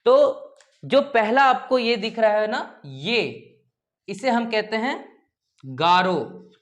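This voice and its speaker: A male teacher from India walks students through a geography lesson at an unhurried, slow pace. His delivery is playful and peppered with joking memory tricks, and he keeps pausing to check that everyone follows. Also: sits high. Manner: often checks in with "okay?".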